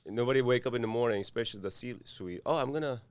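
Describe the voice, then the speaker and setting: A man from South Korea with a Korean accent, a podcast guest speaking haltingly with many fillers and restarts. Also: mid-range voice, clean tone. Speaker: guest, cybersecurity firm founder. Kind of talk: podcast interview.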